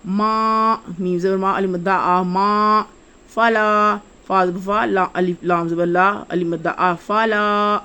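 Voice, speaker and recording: A woman, teaching children to read the Quran in a slow step-by-step lesson, repeating each rule and spelling out syllables with drawn-out vowels. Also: mid-range voice, steady tone, pushed and bright, smooth, muffled recording.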